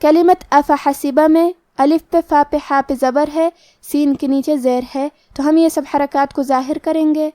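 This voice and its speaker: A woman's voice: high-pitched, fairly even intonation, warm tone, dry recording, clean studio sound. A woman with a Pakistani Urdu accent, teaching Quran recitation rules, explaining each letter step by step in a methodical way. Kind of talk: tajweed lesson with slow recitation.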